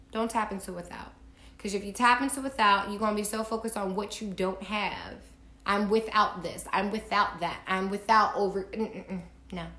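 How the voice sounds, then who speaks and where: Emphatic, bright-voiced woman vlogger. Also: mid-range voice. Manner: emphatic and preachy, swearing casually, talking straight to viewers. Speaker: astrology vlogger. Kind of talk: casual spiritual advice monologue. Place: indoors at home. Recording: echoey room.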